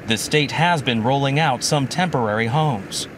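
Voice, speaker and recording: A man's voice: mid-range voice, normal speed, a bit bright, slight background noise. A man working as a news correspondent, narrating a scripted report.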